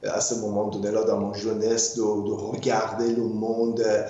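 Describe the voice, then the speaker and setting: An older man from Iran, a guest artist in an interview, speaking haltingly with many fillers and repeated words. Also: on the low side, monotone, mellow. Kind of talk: interview conversation. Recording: muffled, very echoey room.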